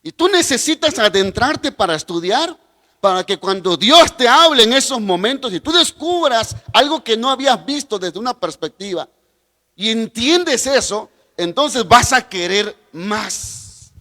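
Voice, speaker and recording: A man's voice: very high voice, expressive, measured pace, pushed and bright, long reverb tail. A man teaching a Bible class, talking straight to his viewers with asides and personal stories.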